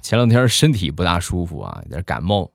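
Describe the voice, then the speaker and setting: A man's voice: low voice, brisk, vocal fry, loud music behind the voice. A man hosting a show, telling comic stories in a chatty way. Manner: chatty, animated. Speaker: joke-telling host. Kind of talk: comic storytelling.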